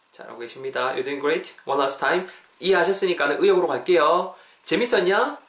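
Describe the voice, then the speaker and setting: Lively man teaching English, echoey room. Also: a little high. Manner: lively, repeats drill phrases, playful skits. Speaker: English teacher, podcast host. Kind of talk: podcast English lesson.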